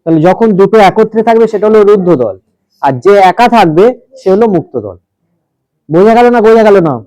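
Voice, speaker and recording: High-voiced man teaching a class. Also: animated, brisk, dark tone, no room sound, low-quality recording. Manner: explains step by step, asks the class questions. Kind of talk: classroom grammar lesson.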